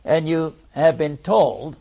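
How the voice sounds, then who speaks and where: A man's voice: fairly high pitch, slow, vocal fry, slightly rough. A man preaching a sermon, reading scripture aloud and explaining it with emphasis. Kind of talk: sermon, Bible teaching. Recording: dull lo-fi recording.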